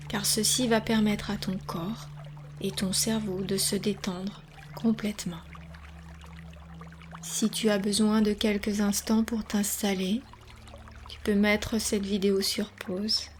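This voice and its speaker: Slight background noise accompanies a woman guiding a yoga nidra relaxation. Her medium-pitched voice is calm and soothing, and she pauses at length between instructions.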